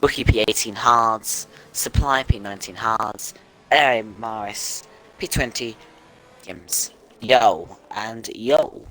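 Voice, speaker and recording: A man doing casual live commentary on an online sim race, chatty and reeling off grid positions quickly. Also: on the low side, bright, forceful tone, low-quality recording.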